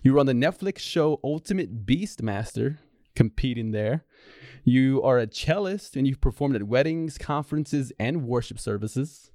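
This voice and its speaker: A man's voice: medium pitch, lively intonation, moderate pace, warm tone, no room sound. A man hosting an interview podcast in a studio, upbeat and encouraging toward his guest. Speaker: podcast host.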